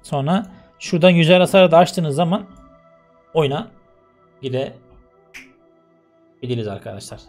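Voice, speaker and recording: A man's voice: on the high side, expressive, normal speed, long pauses, darkish tone, soft background music. A young man chatting casually to his viewers before a let's-play, rambling about his troubles and walking through game settings. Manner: rambling, talks straight to viewers as friends. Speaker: gaming YouTuber.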